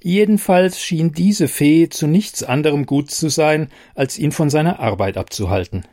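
A man reading a fairy tale aloud in a calm, measured storytelling manner. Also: a little high. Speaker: narrator.

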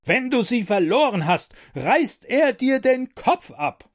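A man's voice: very high-pitched, very animated, slow pace, no echo, clean studio sound, pitched above the performer's own voice, heavily acted. A man voicing a stern, imposing male seraph angel who speaks in a thundering, commanding way.

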